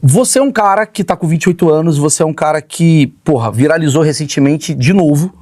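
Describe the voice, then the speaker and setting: A man's voice: on the high side, fairly quick, darkish tone, no room sound, clean studio sound, soft background music. A man with a Brazilian accent hosting a podcast, asking probing questions in a casual, cursing style. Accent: Brazilian Portuguese. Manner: casual, probing, swears freely. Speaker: podcast host. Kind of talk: podcast interview.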